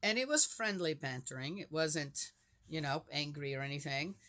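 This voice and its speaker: A low-voiced Swiss woman in her 60s, sounding pushed and bright at a moderate pace, reads the Bible on her vlog. Her monologue is casual and rambling, laced with rhetorical questions aimed at viewers.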